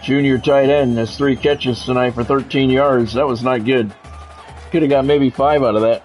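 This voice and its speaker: Soft music plays behind a middle-aged man whose steady, mid-range voice has a slightly mellow quality. At normal speed, he calls a football video game like radio play-by-play, in clipped phrases and informal asides.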